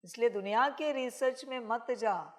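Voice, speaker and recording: A woman's voice: on the high side, a little slow. A woman giving a channeled sermon, speaking as a divine father to her children, scolding them with emphatic rhetorical questions. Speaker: spiritual messenger.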